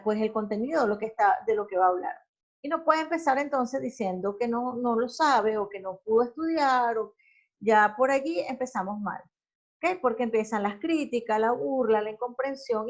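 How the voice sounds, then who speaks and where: A woman delivers a recorded lesson in a slightly high voice. She explains step by step, pausing on fillers and asking "ok?" to check that her students follow. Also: dull audio. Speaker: teacher. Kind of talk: recorded class lecture on public speaking.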